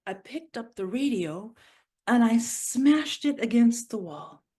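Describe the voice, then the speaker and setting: A middle-aged woman giving a personal storytelling reflection at a church service, moving from playful to hushed and grave. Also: fairly high pitch, expressive, slow pace. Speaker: worship reflection speaker.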